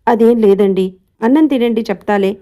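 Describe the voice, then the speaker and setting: A withdrawn young wife in a read-aloud storybook speaks in subdued, reflective tones, as a woman narrator puts her on. The voice is fairly high and mellow. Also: normal speed, lightly acted.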